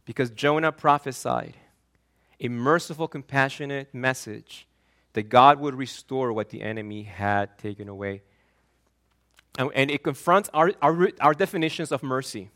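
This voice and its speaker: A man's voice: medium pitch, normal speed, fairly bright tone. A man from Argentina, a pastor preaching an earnest, emphatic sermon that often repeats and restarts words.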